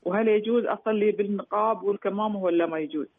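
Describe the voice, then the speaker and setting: A woman's voice: mid-range voice, fast. A middle-aged woman calling in to a radio show, who explains her question hesitantly and restarts her sentences often. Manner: hesitant, restarting, recounting at length. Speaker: caller. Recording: tinny phone line.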